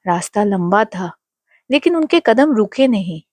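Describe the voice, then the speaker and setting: A woman narrating a devotional story in a measured, emotional way. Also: mid-range voice, expressive, a little mellow, no echo.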